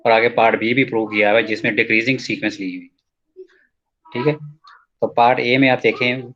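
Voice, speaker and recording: The audio is dull in this recorded lecture, where a man with a medium-pitched, fairly bright voice teaches a math proof. He goes slowly through textbook lines, then explains them in casual Hindi with English terms mixed in, frequently checking in with "ठीक है".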